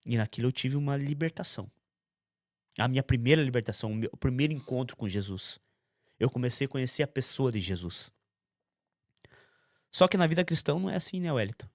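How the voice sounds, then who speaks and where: A man gives his testimony in a conversational interview, storytelling with intensity and animation while quoting other people in their voices. He speaks at a medium pitch, a little fast, pausing often, in a clean studio recording with no echo.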